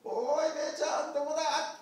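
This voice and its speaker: A man playing a kind, worried shepherd in a children's picture-card story, calling out loudly. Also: extremely high pitch, steady tone, a little fast, pitched above the performer's own voice. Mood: calling anxiously. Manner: loud calling and shouting. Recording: echoey church hall from far off.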